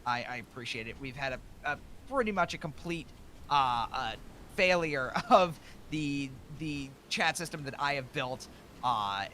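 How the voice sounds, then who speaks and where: A man hosting a casual livestream, speaking in a halting way and often repeating his words. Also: mid-range voice, animated, bright, forceful tone, a little hiss or hum. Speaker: livestream host.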